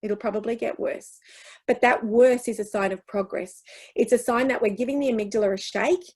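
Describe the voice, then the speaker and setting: A woman's voice: fairly high pitch, fairly quick, a little mellow, husky, rough recording. Earnest woman presenting a workshop. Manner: earnest, reassuring, emphatic with restarts. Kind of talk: workshop talk answering questions.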